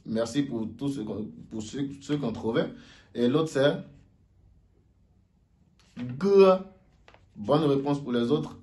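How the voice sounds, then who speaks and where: A man giving a casual video lesson on Mandarin sounds, slowly repeating each sound aloud for learners. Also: mid-range voice, fairly even intonation, a little mellow. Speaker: Mandarin teacher.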